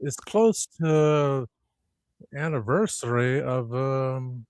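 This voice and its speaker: A man co-hosting a casual podcast, talking haltingly with many fillers and sounding distracted. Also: medium pitch, a little mellow, smooth, no room sound. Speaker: podcast co-host.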